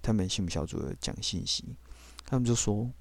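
A man's voice: fairly low pitch, expressive, a little fast. A man, telling his faith testimony on a podcast in a blunt, candid way with casual swearing. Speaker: podcast host.

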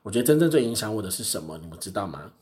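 A man's voice: on the low side, sing-song, very fast, a little mellow. A young man, hosting a podcast and telling stories in a chatty, self-mocking way. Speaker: podcast host. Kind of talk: casual solo storytelling.

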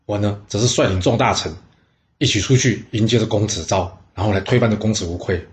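A man's voice: on the low side, a little fast, close to an everyday voice. A man voicing a scheming male court official laying out a plan. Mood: urgent. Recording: roomy echo.

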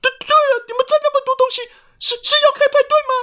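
A man's voice: very high voice, little pitch movement, quick pace, pushed and bright. A man voicing a flustered mother hen who stammers anxiously, in a bedtime storybook reading.

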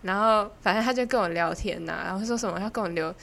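A young woman with a Taiwanese Mandarin accent, hosting a podcast and telling a story in an animated, chatty, giggly way. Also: mid-range voice, fast, creaky. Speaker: podcast host. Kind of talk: casual storytelling chat.

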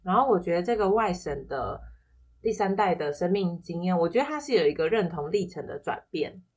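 A woman's voice: on the low side, expressive, fairly quick, a little mellow. A woman from Taipei with a Taiwanese Mandarin accent, telling personal stories as an interview guest in a reflective, explanatory way. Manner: reflective, explanatory, quotes others in anecdotes. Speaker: podcast guest. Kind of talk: casual personal storytelling in an interview.

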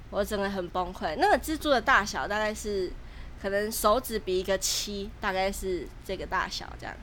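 A woman in her twenties with a Taiwanese Mandarin accent, telling an animated story as a podcast co-host in casual chat. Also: mid-range voice, moderate pace, a little hiss or hum. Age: 20s. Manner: animated storytelling, lively and dramatic.

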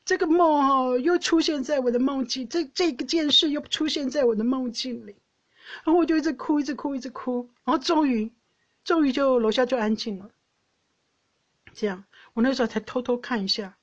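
Middle-aged woman with a Taiwanese accent, a bit high and husky, for casual story-telling. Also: a little fast, lo-fi sound. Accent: Taiwanese Mandarin. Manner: emotional, animated retelling. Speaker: podcast host.

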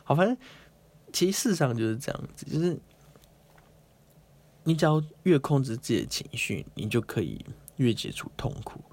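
Gravelly, chatty man. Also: medium pitch, sing-song, normal speed, pauses often, a little mellow. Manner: chatty, playful, acts out quotes, chuckles. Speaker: host. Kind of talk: casual explainer talk on Buddhist ideas.

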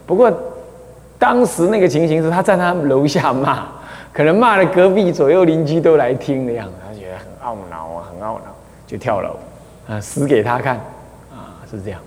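Man, Buddhist abbot, dharma lecture, chatty with drawn-out fillers, mid pitch, long hall reverb. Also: lively intonation. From Taiwan. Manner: chatty, full of drawn-out "ah" fillers, chuckles at his own anecdotes. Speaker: Buddhist abbot teaching a class on the precepts. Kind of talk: dharma lecture explaining a scripture.

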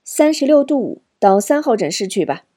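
A woman's voice: on the high side, sing-song, normal speed, mellow. Woman reading a firm, rule-bound nurse. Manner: firm, by-the-rules.

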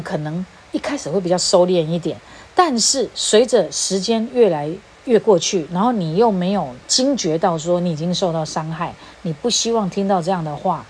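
A woman with a mid-range, darkish voice and a breathy edge gives an informal lecture on relationships. She has a Taiwanese accent, drops Hokkien phrases into her Mandarin, and acts out the speech she quotes.

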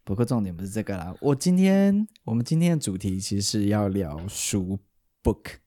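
A man's voice: lowish voice, very animated, normal speed, mellow. A man with a Taiwanese Mandarin accent, a podcast host in casual chat who explains at length and often restarts his sentences.

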